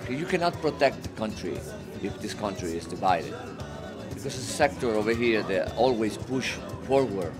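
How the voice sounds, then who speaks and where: A man, president of a community immigrant group, speaking earnestly and firmly outdoors at a rally. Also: on the low side. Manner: earnest, firm. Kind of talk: street interview. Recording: loud crowd and music behind.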